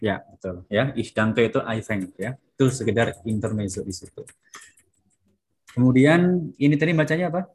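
A man's voice: mid-range voice, moderate pace, darkish tone. Guy teaching german, patient, keeps asking the class to repeat. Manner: patient, prompting students to repeat words. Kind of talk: classroom language lesson.

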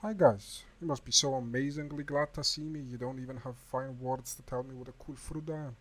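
A man playing a boastful, brash space captain with a loud, cocky, self-admiring manner. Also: medium pitch, fairly even intonation, fairly quick, natural voice.

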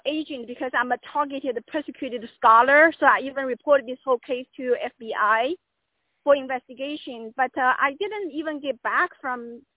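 Female caller, high voice, halting unscripted complaint over thin phone audio. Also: no room sound. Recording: tinny dry phone line.

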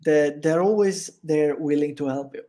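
In a casual interview, an Italian podcast guest tells stories in English with an Italian accent, chatty and animated, laughing often. His voice is on the high side, and his pace is moderate.

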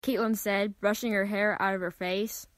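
A woman narrating a children's Bible story in a clear, even read-aloud voice. Her pitch sits in the middle range, and the recording is dry and close with no room sound. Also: moderate pace, dry recording.

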